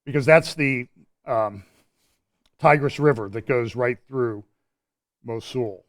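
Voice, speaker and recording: A man presenting a church prophecy update in a conversational commentary style, pausing and restarting as he walks through a map and his views. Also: mid-range voice. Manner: explains while pointing at a map on screen.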